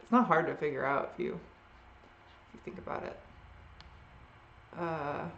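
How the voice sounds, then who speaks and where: A woman's voice: low-pitched, roomy sound, muffled recording, a little hiss or hum. A woman with a trace of a Boston accent hosting a live Q&A, chatting casually and trailing off often as she answers viewer questions. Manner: rambling and unsure, often trailing off.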